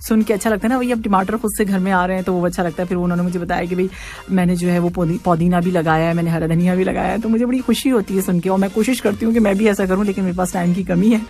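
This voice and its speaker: A woman's voice: fairly low pitch, fairly even intonation, very fast, warm tone, faint music behind. A woman radio host chatting casually on air, reading out listener messages and laughing often. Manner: chatty, laughs often, mixes in English words. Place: radio studio.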